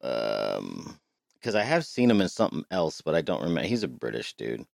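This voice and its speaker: A man's voice: a bass voice, big pitch swings, normal speed, vocal fry, dry recording, studio quality. A man co-hosting a podcast, chatting casually and swearing freely with many restarts, recorded inside a small closet. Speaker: podcast co-host. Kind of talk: casual chat.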